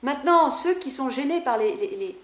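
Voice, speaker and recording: Woman, high-pitched voice, fast and talkative, casual spiritual vlog, echoey room. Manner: fast, talkative, animated and a bit rebellious. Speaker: spiritual vlogger. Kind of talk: casual spiritual monologue to camera.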